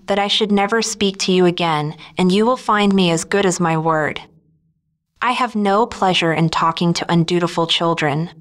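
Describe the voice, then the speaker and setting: A woman's voice: lowish voice, lightly acted. A woman reading a novel aloud, voicing a fretful, self-pitying middle-aged mother who complains plaintively. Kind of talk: audiobook reading.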